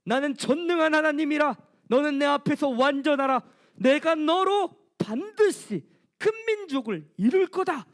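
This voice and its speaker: A woman's voice: sits high, expressive, measured pace. A woman proclaiming as almighty God. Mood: solemn. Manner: loud, proclaiming. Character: almighty God making a solemn promise.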